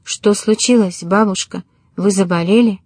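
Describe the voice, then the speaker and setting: A woman's voice: medium pitch, steady tone, normal speed, a little mellow, dry recording, lightly acted. A woman voicing a distraught young woman with urgent, pleading cries, in a storybook reading. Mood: worried.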